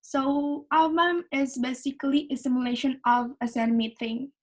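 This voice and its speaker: A young woman co-moderating an online session, explaining an event in a halting way that repeats words. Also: sits high, rough recording. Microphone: video call.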